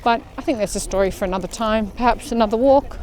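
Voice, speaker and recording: A woman's voice: on the high side, fast talker, darkish tone. An Australian woman leading a walking workout, chatting casually as she walks through an outdoor park. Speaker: fitness vlogger leading a walk. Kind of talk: casual walk-along chat.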